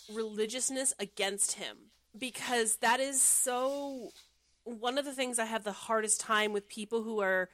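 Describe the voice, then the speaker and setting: A woman's voice: on the high side, fairly bright tone, no room sound. A young woman co-hosting a casual podcast, speaking emphatically and laughing often. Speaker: podcast co-host. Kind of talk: casual chat.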